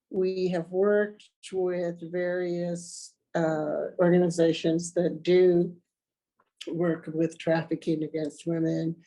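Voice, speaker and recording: Female club secretary with a cold, low dark voice, unhurried and halting, informal. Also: rough recording. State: has a cold. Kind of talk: casual introduction in a group meeting.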